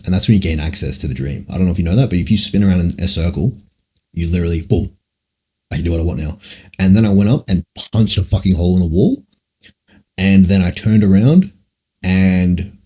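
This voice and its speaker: Very deep-voiced young man streaming. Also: warm tone, breathy edge. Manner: rambling, profane, full of "like" and "man". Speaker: livestreamer. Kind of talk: casual livestream Q&A answering chat.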